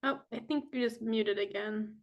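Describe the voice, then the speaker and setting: A woman with a slightly high voice moderates an online alumni panel over video call, friendly and organized, often saying um as she introduces each speaker. She speaks at a moderate pace, and the audio sounds dull.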